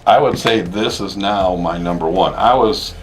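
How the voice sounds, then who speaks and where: A man co-hosting a fragrance review, chatting casually and unscripted, as if thinking out loud. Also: deep voice, normal speed, faint music behind.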